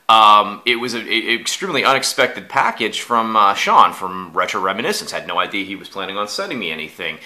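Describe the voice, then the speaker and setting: Groggy, bright-voiced man. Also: low-pitched. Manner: groggy, just woken up, halting. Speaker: YouTube vlogger. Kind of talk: casual unboxing chat.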